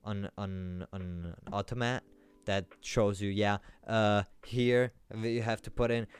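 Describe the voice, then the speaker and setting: A man's voice: lowish voice, fairly even intonation, slow, clean tone, dry recording. A man streaming live, telling a rambling story to his chat with lots of restarts that builds up as he goes. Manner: rambling, with many restarts, growing more worked up.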